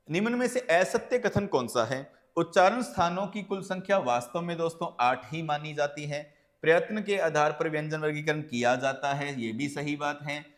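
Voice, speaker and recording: A man's voice: a little high, fairly bright tone. A man teaching an exam-prep lecture, explaining step by step and asking and answering his own questions as he goes. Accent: Hindi. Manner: calls listeners friends, often adds "right?".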